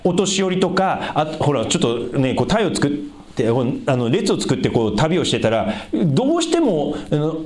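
Guy preaching a sermon, pitch jumps all over, chatty with the crowd, roomy echo. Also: moderate pace. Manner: lively, conversational, speaks directly to the congregation. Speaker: pastor. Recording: echoey room.

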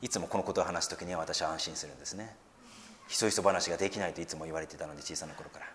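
A man preaching a sermon as pastor, lively and expressive, raising his voice when he quotes and slipping in gentle joking asides. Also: low voice, rapid-fire, slight background noise. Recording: long hall reverb.

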